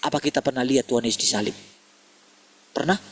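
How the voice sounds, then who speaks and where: A man's voice: mid-range voice, fast. A man preaching a sermon, calling his listeners "saudara" and asking many rhetorical questions.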